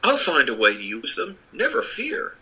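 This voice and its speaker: A man's voice: a little high, huge pitch swings, moderate pace, sharp tone, a little hiss or hum, heavily acted, rough recording. A man voicing a naive straw scarecrow, wistful, eager and earnestly pleading, in a storybook reading. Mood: grateful, eager.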